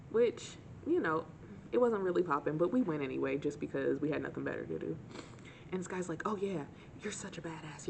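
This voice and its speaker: A young woman with a lowish, gravelly voice, chatting straight to camera. She tells her stories with sarcastic, animated flair. A faint hiss sits under the recording. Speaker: vlogger. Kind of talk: casual storytime chat.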